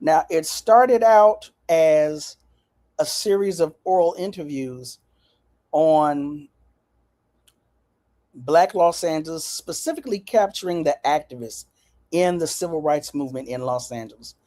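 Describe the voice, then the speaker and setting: Lively folksy woman host, mellow voice. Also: sits low, unhurried. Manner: folksy, lively, talks straight to viewers. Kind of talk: casual chat to viewers.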